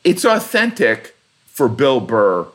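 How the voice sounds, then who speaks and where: Brief: Midwestern man, comedian guest, expressive swooping delivery, mid-range voice. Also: mid-range voice, slow pace. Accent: Midwestern American. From Indiana. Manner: animated storyteller, shifting into voices for quotes. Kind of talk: casual conversation.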